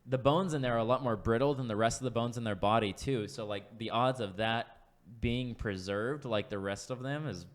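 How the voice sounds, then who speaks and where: A man's voice: mid-range voice, normal speed, hardly any pauses. A man co-hosting a podcast, rambling through a casual explanation with many fillers. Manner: rambling, fillers and restarts, laughs easily. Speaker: podcast co-host. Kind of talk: casual chat. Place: podcast studio.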